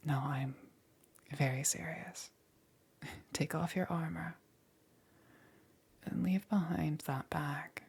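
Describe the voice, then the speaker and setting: In an ASMR roleplay, a woman voices a menacing demon queen in a very breathy whisper with a gravelly creak. Her voice is low, a little mellow and exaggerated, and she draws out every phrase extremely slowly and coaxingly, teasing and commanding at once.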